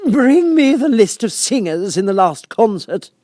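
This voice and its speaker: A man voicing a furious, bloodthirsty female Queen in a storybook, shrieking out drawn-out commands. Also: high voice, sing-song, warm tone, no echo, clean studio sound, pitched above the performer's own voice. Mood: imperious.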